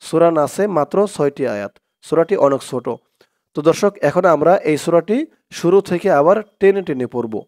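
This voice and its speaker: A man teaching Quran reading, spelling out Arabic words letter by letter and chanting them slowly for viewers to repeat. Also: a little high, expressive, a little mellow. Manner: slow, patient drilling with drawn-out chanted recitation; addresses viewers directly as "dorshok".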